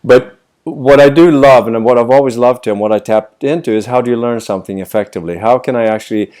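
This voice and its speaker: Speaking fast in a slightly mellow, medium-pitched voice, a middle-aged man from Sweden who works as a voice coach responds thoughtfully to interview questions on a video call. He poses plenty of rhetorical questions.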